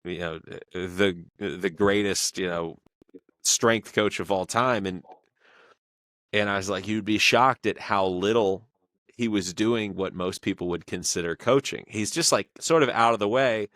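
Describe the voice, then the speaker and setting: Very deep-voiced man, halting podcast host. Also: a bit bright, no echo. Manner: halting, filler-heavy storytelling. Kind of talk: casual podcast conversation.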